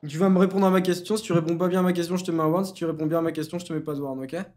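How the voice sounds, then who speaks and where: Un jeune homme administrateur d'un serveur de jeu, parlant de façon familière, argotique et autoritaire, avec des piques moqueuses. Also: male voice, on the high side, fairly even intonation, rapid-fire, darkish tone. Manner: slangy, bossy, teasing. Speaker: game server admin and YouTuber. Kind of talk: casual Let's Play commentary.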